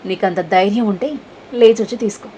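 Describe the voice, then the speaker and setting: Headstrong young woman, sharp scolding delivery, read by a female narrator. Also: medium pitch, brisk, a little hiss or hum, natural voice, poor audio.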